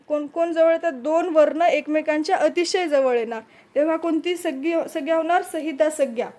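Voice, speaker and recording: A woman's voice: high-pitched, a little mellow. A woman teacher explaining grammar step by step, asking questions and answering them herself. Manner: asks questions and answers them herself, repeats key terms.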